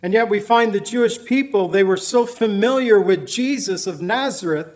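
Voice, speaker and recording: A man preaching a verse-by-verse sermon as pastor, reading scripture slowly and with measure, and praying aloud in plain earnest words. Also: high voice, a little mellow.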